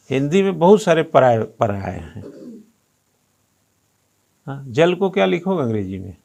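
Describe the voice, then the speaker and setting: A male teacher lectures a coaching class in an unhurried, conversational way, teasing his students and quizzing them on how words are pronounced. His voice sits high for a man and has a gravelly, creaky edge. He keeps turning to the room with questions. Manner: asks rhetorical questions and drills pronunciation.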